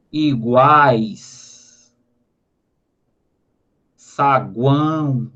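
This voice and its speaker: A fairly bright, medium-pitched voice comes from a Brazilian man with a Brazilian Portuguese accent. As a teacher in a recorded online lesson, he explains grammar, spelling out syllables and frequently adding tag questions. The audio is slightly dull and lo-fi.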